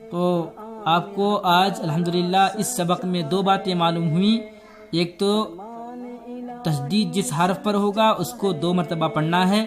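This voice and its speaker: A man teaching a tajweed lesson step by step, patiently repeating each point and spelling out letters. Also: sits high. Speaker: Quran recitation teacher.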